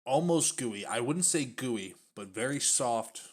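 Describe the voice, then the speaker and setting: A man's voice: mid-range voice, expressive, unhurried. A man casually reviewing snack foods on his stream, chatty and full of fillers, sometimes talking with his mouth full. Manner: chatty, uses many fillers, talks while chewing.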